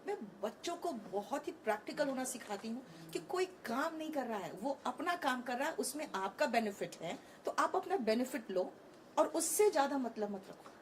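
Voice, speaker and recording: A woman's voice: high voice, expressive, normal speed, a little hiss or hum. A woman in her thirties, an online English teacher, talking frankly and animatedly in an interview on a conference stage, mixing Hindi with English.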